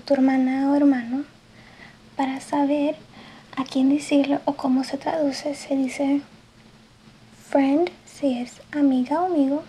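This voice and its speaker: A woman in a whispered role-play as an English teacher, speaking softly and patiently and slipping between a gentle voice and a whisper. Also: high voice, a little hiss or hum, low-quality recording. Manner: soft-spoken, slow and patient, drifting between soft voice and whisper. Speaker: ASMR creator playing an English teacher.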